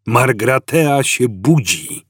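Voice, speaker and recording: A man reads a gentle old man in an audiobook. His voice is soft, sad and hesitant, slow and a little husky. It rises and falls widely. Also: mid-range voice, very animated, no echo, studio quality, pitched above the performer's own voice. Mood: mild, wistful. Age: over 60. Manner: soft-spoken, hesitant, mournful. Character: gentle, melancholy old man, mild and weary.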